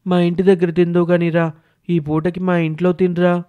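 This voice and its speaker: A man voicing a kind, earnest young village boy in a cartoon story, speaking loudly and with concern. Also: sits high, little pitch movement, normal speed, clean tone, voice pushed up, lightly acted. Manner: coaxing, earnest, calling out.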